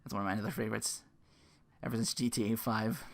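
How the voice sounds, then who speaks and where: A fast-talking podcast host with a medium pitch and vocal fry rambles through solo commentary on video games. He's casual and profane, tossing in animated asides and acting out reactions.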